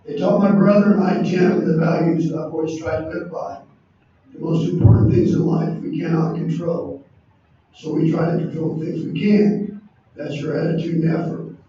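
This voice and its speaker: A hoarse man in his sixties from Indiana, giving an earnest acceptance speech as a coach inducted into a hall of fame. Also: fairly high pitch, flat delivery, normal speed, dark tone. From Indiana, USA. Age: 60s. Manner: earnest, lists names and values. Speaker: award inductee, basketball coach. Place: large banquet hall. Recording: echoey hall, distant muffled mic, faint noise.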